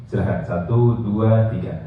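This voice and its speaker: A man teaching a tajwid lesson, chanting verses slowly and explaining with light jokes, recorded in a mosque hall. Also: fairly low pitch, steady tone, very noisy. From Indonesia. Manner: slow drawn-out chanting of verses between quick joking explanations. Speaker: Quran recitation teacher. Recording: echoey hall, distant, phone-like sound.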